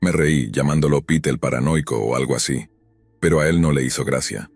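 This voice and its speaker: A man narrating a scary story in a calm, even, scripted way. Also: extremely low pitch, a little fast, slightly rough, no room sound, clean studio sound.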